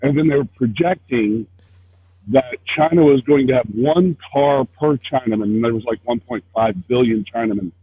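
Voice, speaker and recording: A man's voice: mid-range voice, moderate pace. A man calling into a livestream over a headset, his voice muffled as if through a wall, pressing on with his questions. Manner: persistent questioning. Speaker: caller on a livestream. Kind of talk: casual call-in chat. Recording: muffled lo-fi phone-like line.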